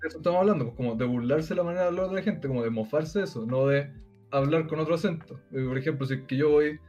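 A man's voice: fairly high pitch, fast, darkish tone, muffled recording. Chilean guy rambling thru his argument, lots of ums and restarts, faint music behind. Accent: Chilean Spanish. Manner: rambling, many fillers and restarts. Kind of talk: casual debate chat.

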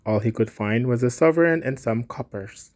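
A man reads a classic short story aloud in a measured, even voice. His pitch is ordinary for a man, and his narration runs along steadily and plainly. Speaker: story reader. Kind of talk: storybook reading.

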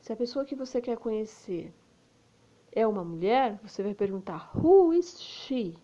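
A woman with a Brazilian Portuguese accent, a native Portuguese speaker, teaching English and slowly repeating example phrases, often adding "né?". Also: mid-range voice, dark tone, highs cut off. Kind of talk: slow explanatory lesson.

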